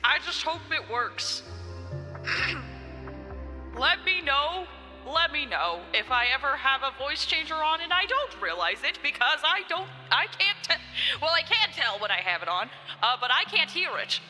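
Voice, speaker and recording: A woman's voice: high-pitched, sing-song, measured pace, bright, forceful tone, in a large hall, faint music behind. A woman streaming a game and chatting casually with viewers, with her voice run through a voice changer. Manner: playful, chatty, greets viewers one by one. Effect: voice changer shifting the voice up. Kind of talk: casual live stream chat.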